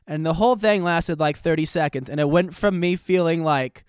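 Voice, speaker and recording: A man in his late twenties hosts a casual podcast, telling a rambling, joking, self-deprecating story at a moderate pace. His voice is a little high for a man, smooth and clean, and he's slightly out of breath. The recording is close and dry.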